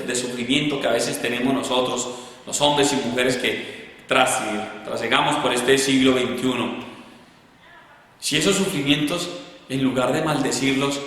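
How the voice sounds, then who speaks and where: A man with a Colombian Spanish accent giving an emphatic catechesis talk, acting out quoted voices with rising pitch. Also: a bit bright. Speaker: preacher. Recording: echoey hall reverb.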